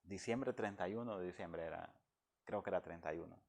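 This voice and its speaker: A man's voice: sits low, a little fast, gravelly, a little mellow. A man from the Dominican Republic, speaking as a guest and giving an emotional personal testimony in an earnest, heartfelt way.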